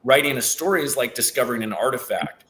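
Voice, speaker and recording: A man's voice: mid-range voice, fast. A man who draws cartoons and writes, rambling in casual group discussion with many fillers. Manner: rambling, filler-heavy, animated.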